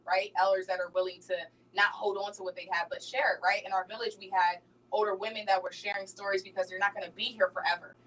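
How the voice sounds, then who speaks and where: A woman's voice: medium pitch, fairly bright tone, recorded from a distance, slight background noise, poor audio. A woman speaking as a talk show guest, passionate and emphatic, often checking in with "right?". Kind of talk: casual radio talk show chat.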